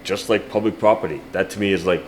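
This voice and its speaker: A man's voice: low-pitched, fast talker, slight background noise. A man in a casual podcast chat who talks animatedly, asks questions and uses lots of fillers.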